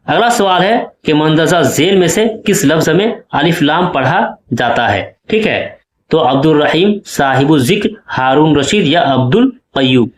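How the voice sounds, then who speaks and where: In an exam-prep lesson, a male teacher with a fairly high voice goes through exam questions one at a time. He speaks expressively at a normal speed, explaining each answer patiently and repeatedly checking that the class is following. Noticeable room echo colors the sound.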